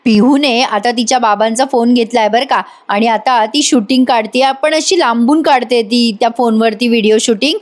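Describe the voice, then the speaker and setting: A woman's voice: fairly high pitch, moderate pace, hardly any pauses. A woman narrating a voice-over recap of a TV serial episode, chatty and talking straight to viewers. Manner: chatty, addresses viewers directly. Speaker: tv serial reviewer.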